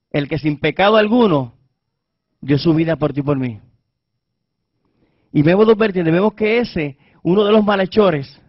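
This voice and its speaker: A man preaching a fervent sermon, his voice fairly high for a man. He swings from loud emphasis to hushed tones. The recording is dull and dry, lo-fi. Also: dry recording.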